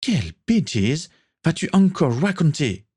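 A man's voice: sing-song, unhurried, warm tone, breathy edge, exaggerated voice. A man putting on a defiant young woman. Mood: indignant. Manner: high and heated.

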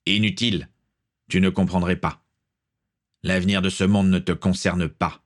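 A man's voice: deep voice, fairly even intonation, moderate pace, close to an everyday voice. A man voicing a psychotic, grinning pirate in a storybook reading. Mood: cold.

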